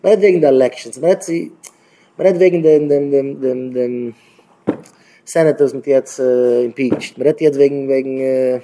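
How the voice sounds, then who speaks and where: Mellow-voiced man giving a rambling talk. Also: medium pitch, steady tone, normal speed. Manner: conversational, repetitive, with rhetorical questions. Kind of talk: informal Yiddish talk to young married men.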